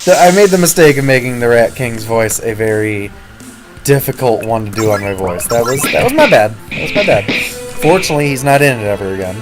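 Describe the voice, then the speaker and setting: A man talking through a role-playing game in a loose, chatty way, often restarting his sentences. His throat is sore from doing character voices and he coughs now and then. Game music plays clearly behind him. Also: medium pitch, lively intonation, fairly quick. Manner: chatty, rambling, self-correcting. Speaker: let's-play host. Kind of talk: casual gameplay commentary.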